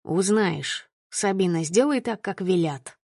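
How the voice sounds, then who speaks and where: A woman doing a cold gruff old father. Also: on the low side, a little slow, dry recording, clean studio sound, pitched below the performer's own voice, exaggerated voice. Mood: curt. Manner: curt, flat commands. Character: weary gray-haired father, cold and gruff.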